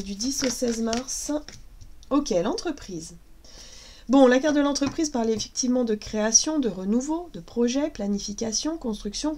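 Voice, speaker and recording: Her voice sits on the high side and sounds warm. A thirtysomething tarot reader with a cold, she chats casually but hesitantly through the reading, her voice cracking and her speech full of fillers.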